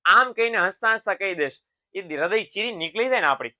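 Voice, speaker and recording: Bright, sharp-toned teacher man. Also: sits high, lively intonation, a little fast. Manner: fatherly, calls students "sons", frequent tag questions. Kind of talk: motivational lesson to students.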